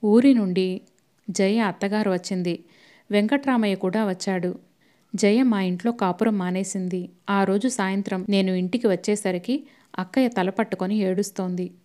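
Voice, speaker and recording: A woman reading a novel aloud as an audiobook narrator. Her voice is mellow and warm at a medium pitch. She keeps the storytelling steady and even. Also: moderate pace.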